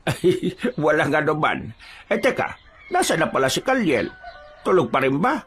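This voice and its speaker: A man's voice: on the high side, very animated, moderate pace, fairly bright tone, slight background noise, pitched above the performer's own voice. A man voicing an old male forest hermit who is friendly on the surface but sinister, talking in a folksy, hesitant way full of fillers. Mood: wheedling. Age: older.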